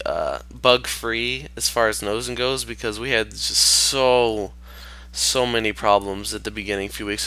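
Bright-voiced man, slightly sick, gaming commentary. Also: medium pitch, clean tone, no room sound. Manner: rambling, talks to himself while playing. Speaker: gaming channel host. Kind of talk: casual gameplay commentary.

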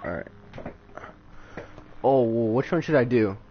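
A man giving casual gameplay commentary, excitable and giggly, often exclaiming at the screen. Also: mid-range voice, unhurried, slight background noise. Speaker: gamer streaming gameplay. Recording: dull lo-fi mic with game music.

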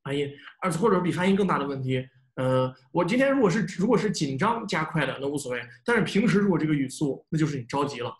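A man with a fairly high voice runs a speaking class. He corrects pronunciation patiently, saying each word again and again, mixing Mandarin with English. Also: fast talker, hardly any pauses. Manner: patient, repeats phrases, relaxed reassuring tone. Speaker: English speaking test teacher. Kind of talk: live speaking-class coaching.

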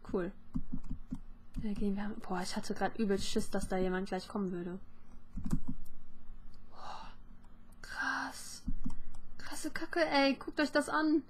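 A young woman giving lively, chatty commentary while playing a game, talking to her viewers and opponents. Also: medium pitch, moderate pace, a little hiss or hum. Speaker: gaming YouTuber. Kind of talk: casual let's play commentary.

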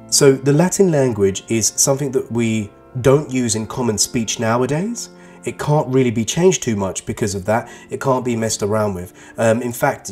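A teacher in his thirties from East London, England, whose first language is Arabic, speaks with medium pitch and a slightly mellow quality. In a voice-over religious lesson for pupils, set over faint guitar music, he is earnest and persuasive, repeating points for emphasis.

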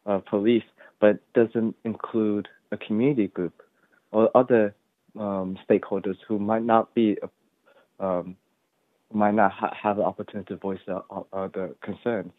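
A man's voice: lowish voice, fairly even intonation, moderate pace, no echo. A man calling in over a conference call to give public comment at a board meeting, hesitant and full of ums and likes. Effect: conference call audio. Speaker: member of the public making a deputation. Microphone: remote call-in. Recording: tinny dry conference call line.

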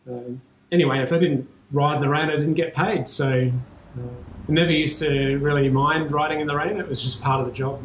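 A man in his thirties with an Australian accent, talking casually to camera about cycling, relaxed and chatty with frequent ums, in a small garage with bikes. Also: on the high side, fairly quick, slight background noise. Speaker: cycling vlogger. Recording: echoey small room, faint ambience.

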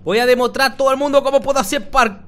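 A man putting on a high-voiced rambling stoner. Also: steady tone, very fast, a bit bright, a little hiss or hum. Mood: goofy, rambling. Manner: rambling, swearing, keeps calling people "my brother". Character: stoned, rambling drug-addict man, hotheaded and silly. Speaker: gaming YouTuber in character. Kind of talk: comic in-character commentary over gameplay.

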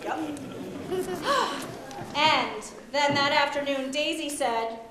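A woman telling a children's story on stage, animated, feeding lines for children to repeat. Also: very high voice, a little slow. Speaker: storyteller leading children in a show. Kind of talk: read-aloud children's story performance. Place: stage in an echoey hall with live audience. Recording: echoey hall, loud crowd and noise.

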